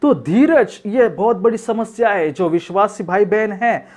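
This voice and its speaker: A pastor preaching a sermon, asking questions and answering them himself, repeating key phrases for emphasis. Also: male voice, sits high, expressive, unhurried, darkish tone. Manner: emphatic, asks and answers his own questions.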